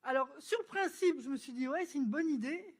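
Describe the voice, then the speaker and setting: High-voiced woman telling a church testimony. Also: brisk. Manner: lively storyteller who acts out dialogue and laughs; chatty and informal, with frequent fillers. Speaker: church speaker giving a testimony. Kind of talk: sermon testimony, storytelling.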